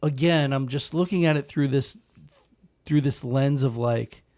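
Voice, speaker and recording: A man's voice: mid-range voice, measured pace, a little mellow. A man co-hosting a podcast in casual comedic chat, rambling and sweary as he talks. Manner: profane, rambling, conversational. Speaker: podcast co-host.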